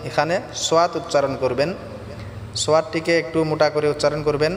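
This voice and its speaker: A man teaching correct Quran pronunciation, explaining each sound and chanting the verses slowly. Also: a little high, level tone, roomy sound, big-room sound, a little hiss or hum. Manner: slow, drawn-out chanting of verses between plain explanations.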